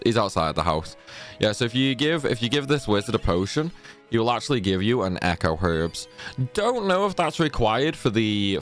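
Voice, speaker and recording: A man talking through a game walkthrough in a chatty, rambling way, often correcting himself, and fighting off a sneezing fit. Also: medium pitch. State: sneezy, stuffy from a cold. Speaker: gaming guide creator. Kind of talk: casual game walkthrough commentary.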